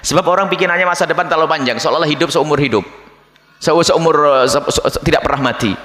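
Male preacher, fairly high, bright and forceful, animated delivery, echoey hall with long reverb. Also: quick pace. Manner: animated, acts out the voices of people he describes. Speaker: Islamic preacher. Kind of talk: religious lecture to a congregation.

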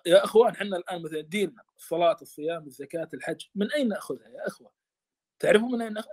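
Fast, high-voiced impassioned male teacher. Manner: impassioned, stammers and repeats words. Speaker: teacher explaining a classical text. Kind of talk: study lesson.

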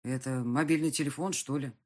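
A woman's voice: extremely low pitch, fairly even intonation, fairly quick, darkish tone. A woman voicing a sulky young male ghost who talks in rude, sarcastic slang.

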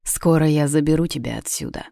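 A woman's voice: low voice, fairly quick, gravelly, mellow, no echo, clean studio sound. A woman voicing a stern young king who gives curt orders, in a storybook reading. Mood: tender. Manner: curt, commanding.

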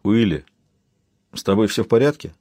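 Quiet, dry-spoken detective with a husky voice, read by a man, audiobook figure. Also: lowish voice, lively intonation, moderate pace, no echo. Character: calm, weary male detective.

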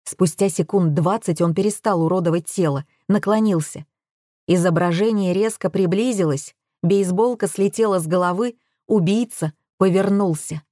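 A woman narrating an audiobook in a steady, measured way. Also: on the low side, no room sound, clean studio sound.

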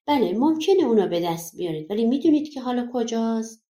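A woman's voice: on the high side, sing-song, mellow, echoey room, pitched above the performer's own voice. A woman voicing a mysterious short man who speaks in a knowing, questioning way in an audiobook folk tale.

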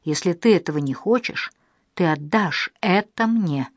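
A woman's voice: fairly low pitch, animated, measured pace, no room sound, studio quality. A woman reading the part of a cold, unpleasant male blackmailer who hisses rude threats down the phone in an audiobook. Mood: threatening.

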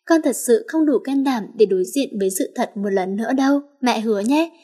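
A woman's voice: on the high side, a little fast, warm tone, natural voice. A woman voicing a hurt little boy of about five who pleads tearfully with his new mother in an audiobook story. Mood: pleading.

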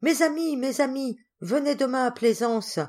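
A woman's voice: medium pitch, animated, moderate pace, a little mellow, close to an everyday voice. A woman doing an eager, timid little girl. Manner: pleading, eager.

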